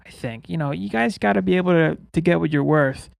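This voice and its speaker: A man's voice: a little high, brisk, gravelly, no echo, clean studio sound. A man hosting a podcast in casual, chatty style, with whistling S sounds when he speaks. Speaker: podcast host.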